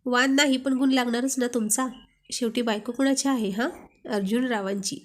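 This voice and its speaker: A woman's voice: a little high, steady tone, normal speed, close to an everyday voice. A woman voicing a shy, loving young wife who speaks bashfully and affectionately. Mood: bashful, teasing.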